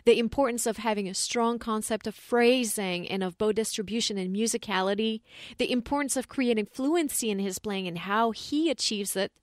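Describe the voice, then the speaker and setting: Woman podcast host, upbeat, higher voice, dead dry recording. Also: normal speed, no echo. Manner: enthusiastic, reading an introduction. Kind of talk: podcast interview.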